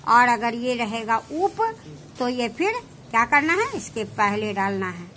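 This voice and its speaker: High-pitched lady teacher going slow over each shorthand sign, keeps asking if u got it. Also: lively intonation, a bit bright, a little hiss or hum. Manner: explains step by step, checks understanding with questions. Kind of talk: slow classroom explanation.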